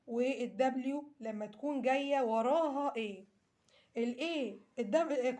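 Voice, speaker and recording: A young woman with an Egyptian Arabic accent, teaching English letter sounds patiently and repeating example words slowly. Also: high voice, darkish tone. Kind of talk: explaining phonics lesson.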